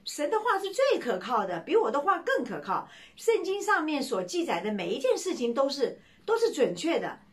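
A woman's voice: high voice, wildly swooping pitch, normal speed, few pauses, pitched above the performer's own voice. A woman preacher voicing a patient, kindly male pastor who coaxes a young man and keeps beckoning him in. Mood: coaxing. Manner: coaxing, repeats "come, come".

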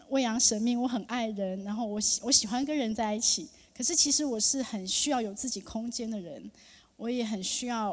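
A woman in her thirties giving a personal testimony to a church congregation, speaking earnestly with emotion and halting often with fillers. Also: fairly high pitch, a little mellow. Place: church sanctuary. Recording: long reverb of a large hall.

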